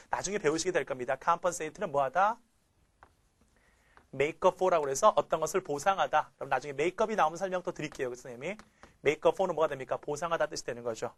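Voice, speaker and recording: A man's voice: fairly high pitch, dry recording. A man teaching English grammar in a recorded lecture, asking rhetorical questions and chanting phrases for his students to memorize. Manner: keeps asking rhetorical questions and tags "그렇죠?"; drills phrases by chanting them.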